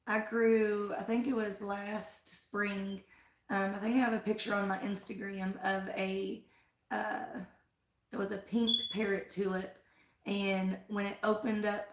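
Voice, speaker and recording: In an echoey room, a woman with a mid-range voice talks at a measured pace with little pitch movement. She's hosting a relaxed flower-farm livestream, rambling with lots of "like" and "um," her voice fading after an illness.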